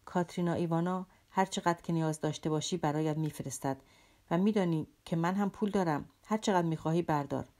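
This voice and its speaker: A woman's voice: lowish voice, a little mellow, natural voice. A woman voicing a kind, earnest young man in an audiobook, insistently reassuring his friend. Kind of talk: audiobook character reading.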